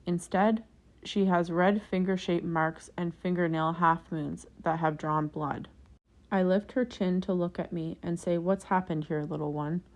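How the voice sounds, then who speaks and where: A woman reading a first-person forum post aloud as scripted narration, in a steady storytelling manner. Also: lowish voice, measured pace.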